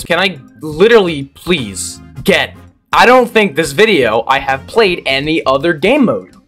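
Exasperated young man ranting over gameplay. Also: on the high side. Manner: exasperated, ranting, bursts into loud disbelief. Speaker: gaming channel host. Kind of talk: gameplay commentary.

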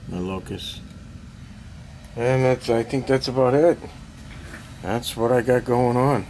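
An older man of medium pitch, slow and a little mellow, rambles through a casual update on his miniatures with frequent throat clearing and self-deprecating remarks. He's filmed on a handheld camera in a cluttered basement hobby room, with a little hiss or hum in the audio.

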